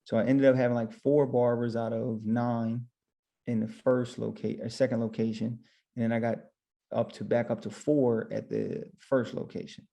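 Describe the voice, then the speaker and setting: A man telling his story on a podcast in an easygoing, rambling way, often quoting what he said to himself. His voice is gravelly with a mellow, dark tone at a middle pitch. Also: flat delivery, normal speed. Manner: rambling, retells his own thoughts as quotes. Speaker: podcast guest, barber and shop owner. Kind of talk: casual storytelling interview.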